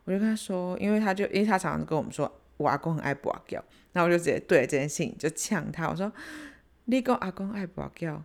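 A woman with a Taiwanese accent hosting a casual podcast, retelling a family story in an animated way and switching into Hokkien. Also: fairly low pitch, racing, few pauses. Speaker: podcast host.

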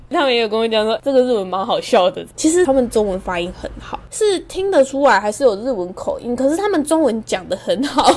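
A young woman, hosting a podcast and telling a story in a chatty, self-amused way. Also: a little high. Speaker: podcast host. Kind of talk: casual storytelling monologue.

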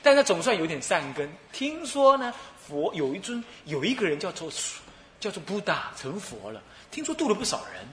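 Animated Taiwanese monk telling a story. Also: male voice, high voice, moderate pace, reverberant, slight background noise. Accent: Taiwanese Mandarin. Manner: animated, playful, laughing storyteller. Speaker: abbot and dharma teacher. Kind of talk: storytelling sermon.

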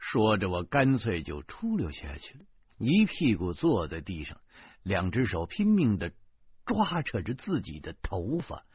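A man's voice: fairly low pitch, huge pitch swings, measured pace, breathy edge, dry recording. A man with a Beijing accent reading a first-person novel aloud, animatedly acting out the dialogue. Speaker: audiobook narrator. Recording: dry dull lo-fi recording.

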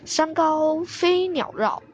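Brief: kindly old grandpa voiced by a woman, slow and plain, storybook. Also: high voice, lively intonation, muffled recording, pitched above the performer's own voice. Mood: earnest.

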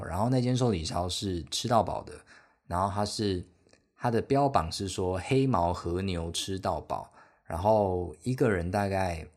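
Low-voiced young Taiwanese podcaster rambling. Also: male voice, darkish tone. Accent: Taiwanese Mandarin. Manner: rambling, self-deprecating, chatty. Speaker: podcast host. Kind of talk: casual solo podcast storytelling.

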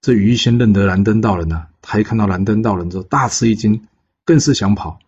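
A man's voice: lowish voice, quick pace, darkish tone, slightly rough, highs cut off. A man casually telling a folk legend, chatty, with asides and questions to the listener. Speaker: storyteller.

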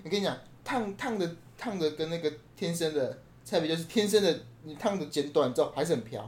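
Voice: medium pitch, animated, fast talker, a little mellow. Joking young co-host with Taiwanese accent. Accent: Taiwanese Mandarin. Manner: joking, rambling, repeats words. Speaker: podcast co-host. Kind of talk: casual chat. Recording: echoey room.

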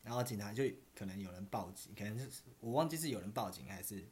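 A man's voice: fairly low pitch, animated, fast talker, a little mellow. A man with a Taiwanese Mandarin accent, a podcast host telling a story in casual chat. He rambles, restarts his sentences and laughs at his own tale.

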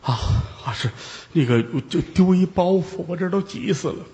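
A man's voice: sits high, expressive, normal speed, warm tone. A man voicing a frantic old man in his sixties who rambles anxiously and pleads, with reverb on the recording.

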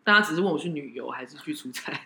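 Fast, animated woman in casual chat. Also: deep voice, echoey room. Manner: animated, self-deprecating, laughs often. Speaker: show host telling personal anecdotes.

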